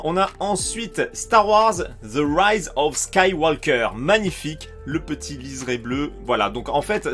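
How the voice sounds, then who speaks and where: French man, chatty screen-share walkthrough, fairly high voice, faint music underneath. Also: fairly bright tone. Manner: chatty, enthusiastic, many fillers. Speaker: YouTuber reviewing collectibles.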